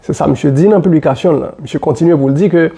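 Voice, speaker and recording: Gravelly Haitian man commenting on football. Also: a little high, very fast. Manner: animated, repeats points with many fillers.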